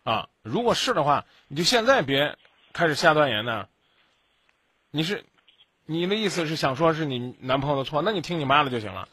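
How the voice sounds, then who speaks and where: Radio advice host, male, dry studio sound, lectures sharply, bright voice. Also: on the high side, sing-song, fairly quick, husky, no room sound. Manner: blunt, lecturing, scolding. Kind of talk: late-night call-in advice.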